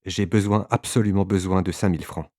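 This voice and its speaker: A man's voice: deep voice, steady tone, fairly quick, dark tone, dry recording, clean studio sound. A man voicing a distressed hypnotized woman who stammers and pleads through tears. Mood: anxious.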